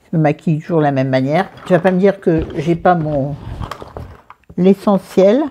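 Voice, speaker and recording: Speaking at a moderate pace in a mellow, lowish voice, a middle-aged woman with a southern French accent chats about her skincare and makeup, poking fun at herself. A little hiss or hum runs under the recording, and as a beauty vlogger she calls out to viewers and friends by name.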